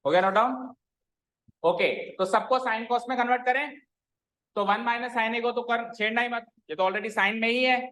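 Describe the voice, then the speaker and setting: A male maths teacher explains each step of a solution to his class. He talks informally, mixes English terms into his speech, and keeps pausing to ask whether anyone is stuck. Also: extremely high pitch, steady tone, sharp tone, low-quality recording. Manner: checks often for doubts, informal Hindi-English mix. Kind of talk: online class lecture.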